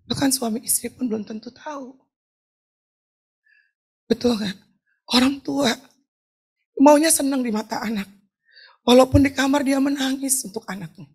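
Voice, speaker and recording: A middle-aged woman pastor from Indonesia preaching a lively, joking sermon with a personal testimony, often asking the crowd to answer back. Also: sits high, moderate pace, husky. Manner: chatty, joking, asks the crowd for replies; acts out quoted talk in shifting voices. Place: church hall.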